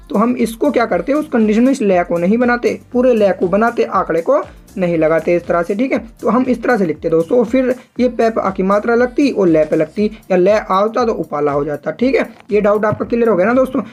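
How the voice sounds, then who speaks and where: A man teaching shorthand step by step in a patient, repetitive way, often turning to the viewers as friends. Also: high-pitched. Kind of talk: step-by-step tutorial explanation.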